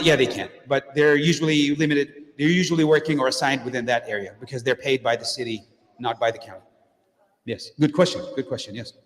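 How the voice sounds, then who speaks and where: A middle-aged man giving a direct, plainspoken talk as a guest speaker at a mosque, with frequent fillers and restarts. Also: mid-range voice. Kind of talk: informal community talk with Q&A. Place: mosque hall. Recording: echoey hall with long reverb.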